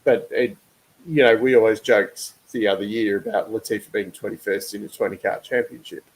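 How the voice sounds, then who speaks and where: A man's voice: on the low side, steady tone, brisk, slight background noise, low-quality recording. A young adult man co-hosting a casual motorsport chat, thinking aloud with lots of fillers and restarts. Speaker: podcast co-host.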